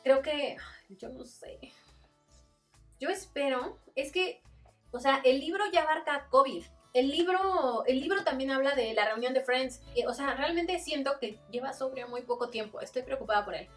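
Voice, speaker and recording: A woman's voice: high-pitched, animated, normal speed, recorded from a distance, soft background music. A woman with a Mexican accent, chatting casually in a book review vlog and acting out little quoted exchanges. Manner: chatty, acts out quotes with voices.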